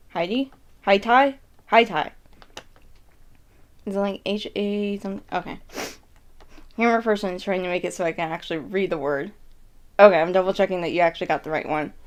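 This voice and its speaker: A woman hosting a casual snack-tasting vlog, rambling as she thinks aloud and corrects herself mid-thought. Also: medium pitch. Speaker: mukbang host reviewing snacks. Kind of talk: casual vlog chat to viewers.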